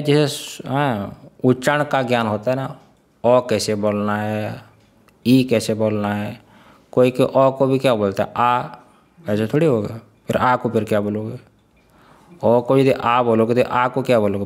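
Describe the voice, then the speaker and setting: A male Vedanta teacher leads a scripture class in a middle-pitched voice with fairly even intonation. He quizzes his listeners often, chuckles now and then, and slowly drills the pronunciation of syllables.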